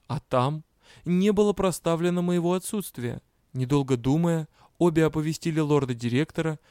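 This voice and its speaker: A man reading a first-person fantasy audiobook in an even, measured way. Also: mid-range voice, clean tone, no room sound, clean studio sound. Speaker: audiobook reader.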